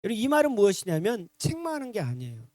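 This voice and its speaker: Animated pastor preaching with lively pitch. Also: quick pace, no room sound. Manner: animated preaching, constantly addressing the congregation; emphatic repetition, acts out voices in the story. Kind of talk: Easter sermon. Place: church sanctuary.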